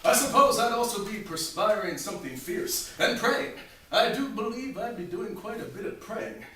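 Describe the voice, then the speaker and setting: A man's voice: sits high, lively intonation, moderate pace, bright, forceful tone. A man playing a tactless, mock-earnest wartime army buddy with wordy old-fashioned phrasing in a comic drama. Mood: mock-solemn. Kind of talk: comedic stage-style drama, old war-film dialogue. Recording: very echoey, distant mic, noisy with clicks.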